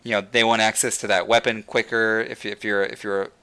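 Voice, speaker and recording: Rambling, bright-toned man with a tired voice. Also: fairly low pitch, flat delivery, a little fast, clean tone. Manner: rambling, frequent fillers and restarts. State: losing his voice. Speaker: podcast host. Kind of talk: casual gaming discussion.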